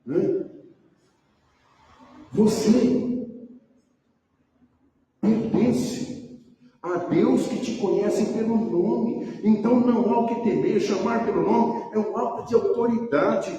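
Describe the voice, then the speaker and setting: A Brazilian pastor preaches with a fairly high voice, pressing his points by repeating them and calling people by name. He sounds distant from the mic, in a big church with a long, ringing reverb. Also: slow pace, long pauses, warm tone. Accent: Brazilian Portuguese. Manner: emphatic preaching, repeating phrases and calling out names. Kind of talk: sermon. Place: church sanctuary. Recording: echoey church hall, voice from far off the mic.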